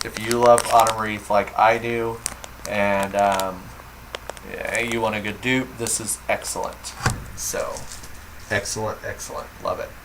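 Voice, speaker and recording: A man's voice: lowish voice, fairly bright tone, slight background noise, poor audio. A man chatting enthusiastically on a home video vlog, with lots of fillers like "um" and "so". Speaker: vlogger. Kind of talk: casual chat.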